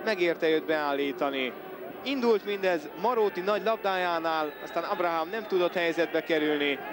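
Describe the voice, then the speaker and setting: A male football commentator with a high voice calls the play and talks through replays in an animated, exclaiming way. A noisy stadium crowd is clearly audible behind him. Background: match crowd.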